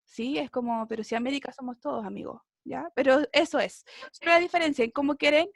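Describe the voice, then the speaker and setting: Chatty chilean teacher, high voice. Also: female voice, quick pace, creaky, dry recording, studio quality. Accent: Chilean Spanish. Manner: chatty, mixes Spanish and English, asks ¿cierto? and ¿ya? often. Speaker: English teacher. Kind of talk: online class teaching.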